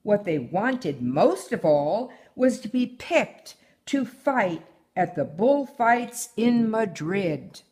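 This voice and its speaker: A woman's voice: medium pitch, big pitch swings, takes it slowly, hardly any pauses, a little mellow. An older woman reading a children's picture book aloud as a guest storyteller.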